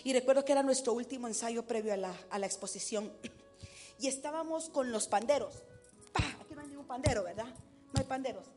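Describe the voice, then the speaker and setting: A woman preaching to her congregation in an animated way, breaking into war cries and sounding out drum beats. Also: fairly high pitch, fairly quick, faint music behind. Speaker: preacher teaching tambourine and worship dance. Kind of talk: lively sermon to a congregation.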